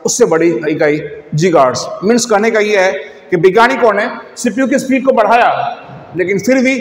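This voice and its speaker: A man's voice: high voice, a little fast, echoey room, big-room sound. A man teaching computer basics in a lecture style, posing rhetorical questions and repeating key points.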